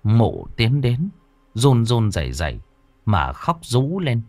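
A man's voice: medium pitch, takes it slowly, dry recording. Man narrating a ghost story. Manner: lively dramatic narration.

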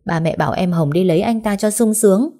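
A woman's voice: mid-range voice, fast talker, mellow, natural voice. A woman voicing a defiant adopted daughter who pleads and refuses.

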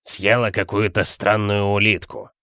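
A bad-tempered middle-aged uncle, voiced by a man reading a storybook aloud snaps and bellows with scorn. His tone sits a little lower than the narrator's, and the recording is dry and close. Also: flat delivery, measured pace, a bit bright, no room sound. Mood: gruff scornful.

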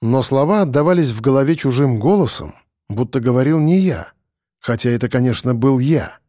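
A man narrating a first-person audiobook in a terse, gruff and blunt manner. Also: medium pitch, animated, brisk, warm tone, no room sound, clean studio sound.

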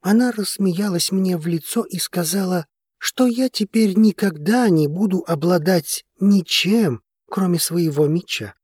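A man's voice: sits high, a little slow, a little mellow, husky, dry recording, clean studio sound, pitched above the performer's own voice. Man reading a defiant young fighter.

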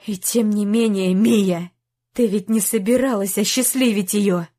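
A woman reading an audiobook voices a grief-stricken, furious young husband who shouts and accuses. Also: mid-range voice, steady tone, a little slow, natural voice. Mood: accusing. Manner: shouting, anguished.

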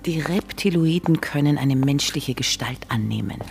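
Soft music plays behind an actress in a radio drama voicing a stern, imperious wife who believes in conspiracies and heads a separatist group. She speaks formally and earnestly with an Austrian accent, in a secretive mood. Her low, slightly mellow voice is animated and carries vocal fry at a normal speed.

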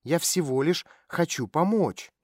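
A man voicing a calm woman private detective who speaks quietly and gently to coax a runaway girl. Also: fairly high pitch, a little slow, dry recording, studio quality. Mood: soothing. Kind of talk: audiobook character voice.

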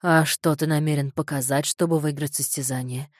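A woman's voice: low-pitched, steady tone, a little fast, no room sound, clean studio sound, voice pushed down. A woman reading an audiobook, voicing a blunt, stern king and father. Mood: curt. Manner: blunt, curt.

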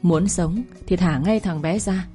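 A woman's voice: on the low side, unhurried, mellow, faint music behind, close to an everyday voice. A woman doing a furious, foul-mouthed father. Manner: snarling, crude threats. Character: furious rough father, young adult man.

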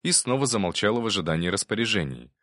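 A man reading scripted narration for an audiobook in a lively, expressive way. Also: on the low side, fast, no echo, clean studio sound.

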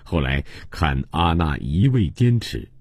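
A man with an extremely deep, breathy-husky voice reads a novel aloud for radio. His delivery is measured and even. The close studio recording is completely dry. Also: no room sound. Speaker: audiobook narrator. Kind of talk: scripted novel narration. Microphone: close studio microphone.

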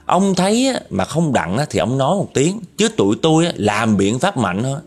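A man's voice: very animated, a little fast, husky. A man playing a fed-up young man who angrily scolds a ghost. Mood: warning. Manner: angry, scolding, higher and louder.

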